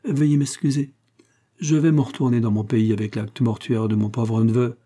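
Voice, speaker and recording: A man's voice: medium pitch, steady tone, normal speed, warm tone, close to an everyday voice. A man voicing a cunning older police inspector who pretends to be a humble, hard-of-hearing uncle. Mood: courteous. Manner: feigned humble politeness, sly muttered asides.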